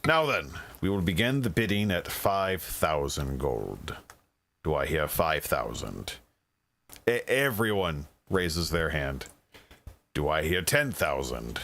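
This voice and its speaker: Bright, expressive game master, a man with a slow, theatrical delivery. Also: rumbling low. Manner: theatrical, measured and quick to laugh. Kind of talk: narrating a tabletop game.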